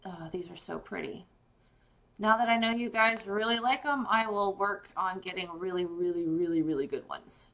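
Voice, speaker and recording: A woman's voice: mid-range voice, steady tone, moderate pace, few pauses, fairly bright tone, low-quality recording. A woman hosting a live pearl-opening sale, chatting casually and gushing to viewers by name. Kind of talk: casual live-stream sales chat.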